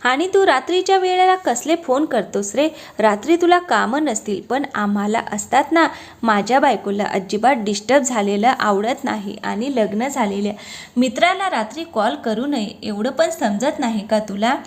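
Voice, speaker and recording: A woman's voice: on the high side, moderate pace, lightly acted. A woman voicing a mischievous, joking young husband in a read-aloud romantic story. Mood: teasing. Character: teasing playful young husband.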